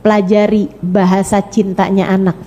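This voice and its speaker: A woman preacher giving a religious talk to mothers, lively, swinging from teasing questions to slow, earnest pleading. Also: mid-range voice, muffled recording. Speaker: Islamic preacher. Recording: online religious lecture.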